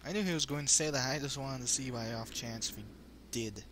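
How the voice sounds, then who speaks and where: A man's voice: mid-range voice, brisk, fairly bright tone. A man hosting a let's play with casual, wry commentary that rambles into asides. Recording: home commentary with faint noise.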